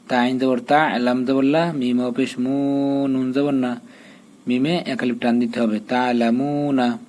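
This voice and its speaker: A man teaching how to read a Quran chapter, spelling out the Arabic letter by letter and then intoning each verse slowly. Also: medium pitch, mellow, low-quality recording.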